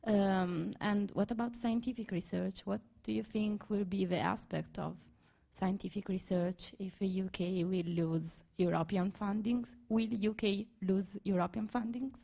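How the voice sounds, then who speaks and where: A woman's voice: mid-range voice, steady tone, a little slow, vocal fry, dark tone. A young woman with an Italian accent asking a series of questions from the audience at a public debate. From Italy. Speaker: audience member, student journalist.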